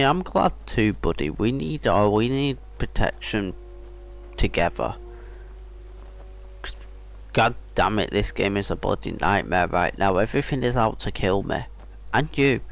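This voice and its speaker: A man streams a video game in a chatty, casual way, with some gravel in his voice. He mutters to himself and the characters as he plays, over faint game music. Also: fairly low pitch. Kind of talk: casual gameplay commentary. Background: video game music and dialogue.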